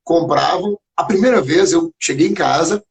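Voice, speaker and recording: Gravelly mineiro man telling stories. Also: fairly high pitch, normal speed. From Minas Gerais, Brazil. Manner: lively anecdotes, acts out remembered dialogue. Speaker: teacher, guest on a live stream. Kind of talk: casual storytelling in a live chat. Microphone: phone or computer on a video live stream.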